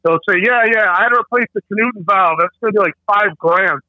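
A man's voice: high-pitched, quick pace, a crowd in the background. Man on a tinny phone speaker. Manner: joking, loose and rambling. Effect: heard over a phone speaker. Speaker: guest on call. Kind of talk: casual chat. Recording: tinny dry phone line.

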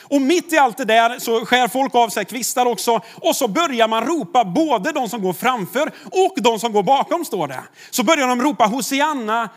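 A man, a pastor, preaching a sermon in a conversational way, with rhetorical questions to the congregation. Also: very high-pitched.

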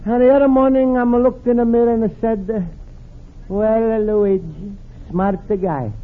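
Heard through narrow, tinny audio from an old radio broadcast with a studio audience, an actor voices a sweet, naive Italian immigrant with an Italian accent and broken English. It's wistful 1950s radio comedy acting, delivered in an extremely high, steady voice, a little slowly.

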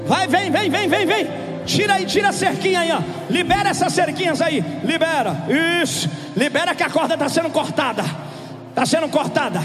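A man preaching a revival sermon, shouting impassioned altar calls in a large church. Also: extremely high pitch, moderate pace, crowd noise. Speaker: pastor. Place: large church with galleries, live congregation. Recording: live church recording with long reverb and music.

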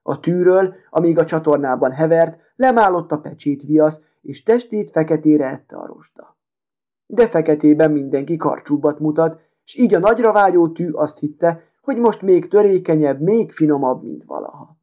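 A man reading a fairy tale aloud as the storyteller, with calm, measured delivery. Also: a little high.

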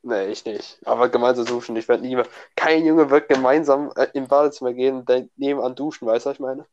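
Brief: young male student, casual slangy chat, even voice, faint hiss behind. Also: medium pitch, fast talker, dull audio. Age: young adult. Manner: slangy, laughs often, restarts words.

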